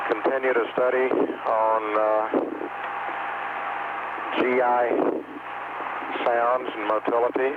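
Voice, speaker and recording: Heavy static and a tinny, crackly walkie-talkie band surround this man's voice. He delivers a technical status report slowly and haltingly, matter-of-fact, like a doctor logging results from orbit. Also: medium pitch. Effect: crackly walkie-talkie style radio transmission. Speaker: astronaut, mission specialist and doctor. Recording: very noisy, crackly phone-like space radio link.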